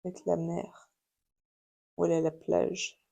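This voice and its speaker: A woman's voice: lowish voice, monotone, measured pace, vocal fry, dark tone. French woman, thirties, casual home haul chat, hesitant and filler-heavy. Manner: chatty, many fillers and restarts. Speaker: craft YouTuber showing purchases. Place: home with a baby nearby.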